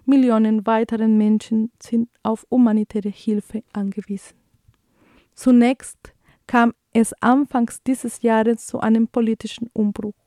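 A woman of around forty from Colombia, speaking German with a Colombian Spanish accent as a non-native speaker. She hosts a radio show in a halting, earnest way and reads out news. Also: a little high, flat delivery, dark tone, dry recording, studio quality. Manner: halting, searching for words, earnest. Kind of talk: radio moderation with read news.

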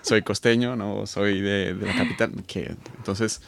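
A man's voice: lowish voice, fairly even intonation, unhurried, gravelly. A man in his thirties from Colombia, a guest talking thoughtfully in an interview, with many fillers and restarts. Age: 30s. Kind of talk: conversational interview.

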